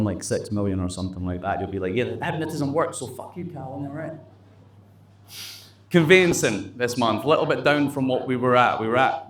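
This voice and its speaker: A man leading a company staff meeting, blunt and motivational, swearing casually as he talks. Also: medium pitch. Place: office meeting room, indoors. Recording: roomy echo with faint background noise.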